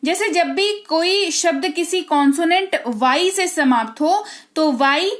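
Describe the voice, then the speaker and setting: Woman, high-pitched, English teacher, patient step-by-step explaining, frequent check-in questions. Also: takes it slowly. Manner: explains step by step, often asks "ठीक है?" and "है ना?". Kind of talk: Hindi-language English lesson.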